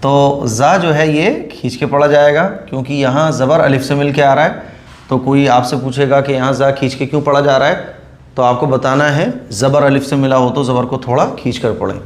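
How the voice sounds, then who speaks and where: A man's voice: medium pitch, fairly even intonation, moderate pace. A man teaching Quran reading step by step, patiently drilling each letter and repeating the rule. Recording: echoey room.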